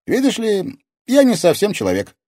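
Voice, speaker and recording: A man's voice: sits high, huge pitch swings, normal speed, no room sound, clean studio sound, pitched above the performer's own voice, heavily acted. A man voicing a cheeky teenage werewolf boy. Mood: cheerful teasing. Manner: bright, cheerful, teasing.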